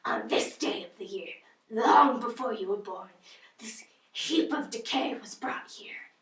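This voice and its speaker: A woman's voice: on the high side, animated, a little slow, recorded from a distance. A woman playing a bitter, gloomy old jilted spinster in a comedy sketch, speaking theatrically with a hissing whisper. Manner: theatrical, scornful. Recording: echoey room, off-mic.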